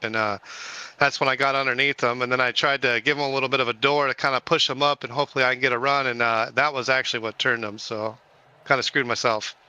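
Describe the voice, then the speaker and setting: A man who drives in an online racing league, answering post-race questions in a relaxed, halting way with many uhs. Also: medium pitch, clear, resonant tone, poor audio.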